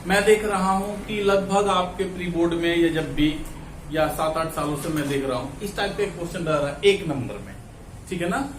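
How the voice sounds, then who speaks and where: Working through problems with his students, a male maths teacher with a slightly high voice speaks at normal speed, mixing in English terms, counting steps aloud, and repeating "ठीक है ना". The sound is echoey and distant, with background noise.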